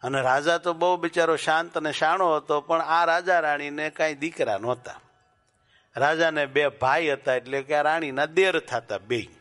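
A man telling devotional stories in a sermon, in rural colloquial speech that turns animated when he quotes characters. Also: on the high side, normal speed, faint music behind. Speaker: religious storyteller.

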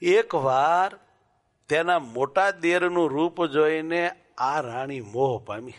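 A man telling devotional stories in a sermon, in rural colloquial speech that turns animated when he quotes characters. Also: fairly high pitch, slow. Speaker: religious storyteller.

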